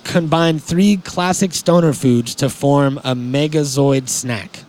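A man's voice: on the high side, takes it slowly, a little mellow. A man hosting a podcast in casual chat, rambling and laid-back, with many "like"s and "um"s. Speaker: podcast host.

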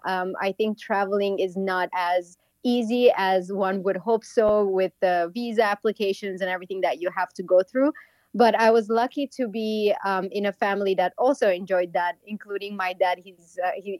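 A woman's voice: medium pitch, darkish tone, no room sound. Young woman from Syria, upbeat guest, lots of ums, dry close mic. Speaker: travel YouTuber and guest. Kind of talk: casual interview answers.

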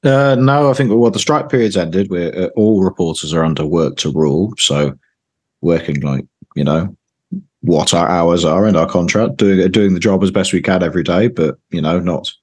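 Deep, very hoarse man chatting. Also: normal speed, darkish tone. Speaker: podcast guest, football fan and reporter. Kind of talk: casual chat.

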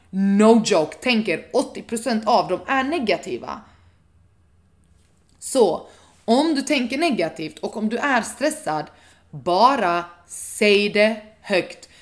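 Earnest woman giving self-help advice. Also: lowish voice. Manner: earnest and urgent, addresses viewers directly, drops in English phrases. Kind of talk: direct-to-camera advice talk.

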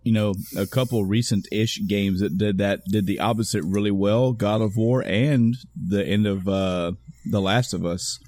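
A man's voice: fairly low pitch, steady tone, normal speed, darkish tone, dry recording. A man co-hosting a casual podcast chat, rambling and correcting himself as he talks. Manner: rambling, self-correcting, swearing. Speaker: podcast co-host.

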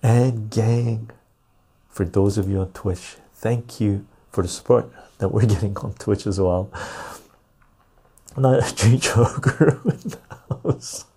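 A man with a fairly low, very creaky voice chats casually to his live stream viewers through a clip-on lapel mic. His delivery is laid-back and jokey, with a husky edge. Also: slow pace, long pauses, mellow. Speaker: live stream and podcast host. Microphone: lapel mic clipped on.

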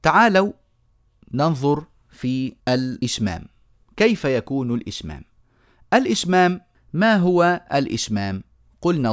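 A man teaching a remote lesson on Quran recitation rules. He explains step by step, asks his students questions and chants verse examples slowly. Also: mid-range voice, no echo, clean studio sound. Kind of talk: remote lecture on tajweed.

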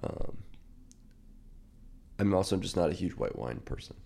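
A man's voice: low voice, animated, unhurried, vocal fry, mellow, husky. A man co-hosting a casual podcast, giggly and hesitant as he talks. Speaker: podcast co-host.

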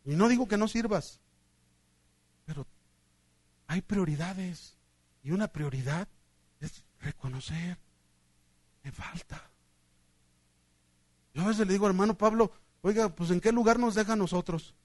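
A middle-aged man with a Mexican accent preaching a sermon, telling stories in an animated way and acting out the voices of the people in them, going from loud to hushed. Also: sits high, moderate pace, pauses often, no echo. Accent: Mexican Spanish.

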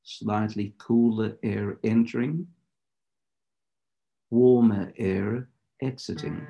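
Man, meditation teacher, slow delivery, mellow tone, creaky voice, measured instructive phrasing. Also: lowish voice, fairly even intonation, dull audio. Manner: deliberate, instructive, speaking in short measured phrases. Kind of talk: spiritual lecture turning into guided meditation instruction.

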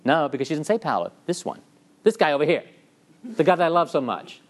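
Man lecturing, halting and discursive. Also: fairly high pitch, sing-song. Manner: discursive, frequent fillers and restarts, checks in with "okay?". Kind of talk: classroom lecture.

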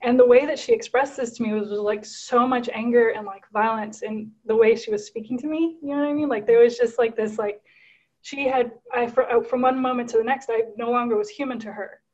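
A woman from Guatemala speaks earnestly on a video call, with many fillers and restarts. Her voice sits a little high. The call audio is dull and lo-fi. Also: steady tone, brisk, darkish tone. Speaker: caller. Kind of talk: casual storytelling on a video call.

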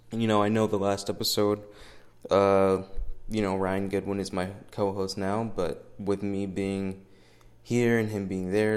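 Young American male podcaster, lowish pitch, loose self-deprecating chat with swearing, echoey garage sound. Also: darkish tone. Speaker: podcast host. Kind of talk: casual solo podcast chat. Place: indoors in a garage. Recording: echoey garage room sound, breath pops.

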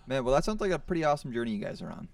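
A man's voice: mid-range voice, sing-song, rapid-fire, vocal fry, darkish tone. A Canadian man co-hosting a podcast, enthusiastic and jokey. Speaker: podcast co-host. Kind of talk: casual chat. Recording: a bit distant from the mic.

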